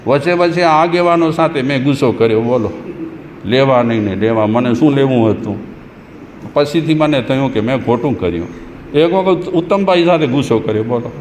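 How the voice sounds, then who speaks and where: A man's voice: medium pitch, animated, fairly quick, a little mellow. A man, a Jain monk, giving a sermon in a conversational, humorous way and chanting verses in between. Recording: echoey hall with faint noise.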